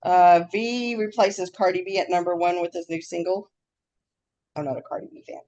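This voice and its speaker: A woman's voice: lowish voice, moderate pace, warm tone, highs cut off. A woman co-hosting a casual podcast, chatting and reading out news in a scattered, easily sidetracked way, saying her R's like W's. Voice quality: trouble saying R's, w-like R sounds. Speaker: podcast co-host.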